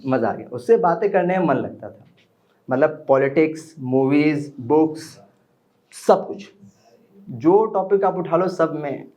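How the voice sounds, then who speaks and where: Here a young man's voice runs on the high side, expressive and unhurried, with a darkish tone. He's performing live storytelling at a small indoor open mic, recounting a personal story and talking with the audience along the way.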